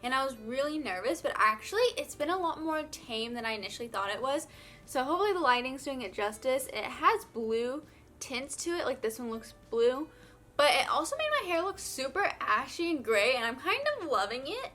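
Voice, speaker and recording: Talking a little fast with a sharp tone, this young woman's voice sits high and her intonation is lively. She's a beauty vlogger in her twenties, breathless and bubbly as she chats to camera, filling her speech with "like".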